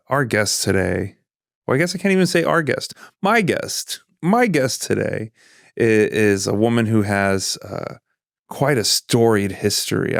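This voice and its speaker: Gravelly rambling podcast host, a man. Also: on the low side, no room sound, studio quality. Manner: rambling, self-interrupting, laughs often. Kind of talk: casual podcast interview.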